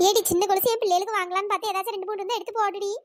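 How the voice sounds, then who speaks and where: Super high squeaky village auntie, haggles and gets huffy, dry. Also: female voice, fairly even intonation, racing, dry recording. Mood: chatty. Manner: chatty, haggling, easily offended. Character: plump village woman customer, bargaining, touchy. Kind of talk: cartoon voice acting.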